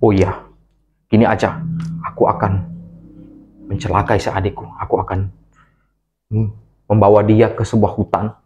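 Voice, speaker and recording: A man voicing a jealous, angry young man in a storybook telling, complaining in a high, whiny voice. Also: flat delivery, moderate pace, long pauses, dull audio, background noise, natural voice. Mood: scheming.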